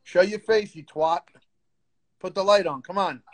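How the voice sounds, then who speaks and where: A man's voice: high-pitched, measured pace. A man hosting a live stream, taunting and insulting a caller in a profane, confrontational way.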